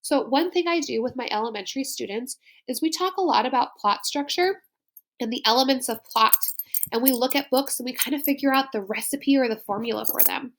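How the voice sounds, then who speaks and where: A woman's voice: high voice, fairly quick. A woman school librarian narrating a slide presentation in an upbeat, explanatory way.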